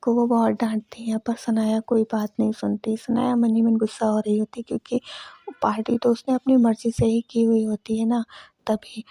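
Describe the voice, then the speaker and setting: A woman's voice: a little high, flat delivery, normal speed, gravelly, warm tone, slightly rough, no echo, studio quality. A woman chatting through a casual recap of a TV serial episode in voice-over, retelling who said what in a talkative way. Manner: chatty, repeats "she says" and "okay". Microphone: voice-over recorded close to mic.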